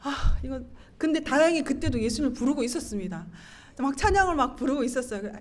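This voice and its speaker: A middle-aged woman giving an animated, emotional church testimony, acting out her own quoted words. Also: high voice, fast. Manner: animated storytelling, acting out her own quoted lines, laughing and tearful at times.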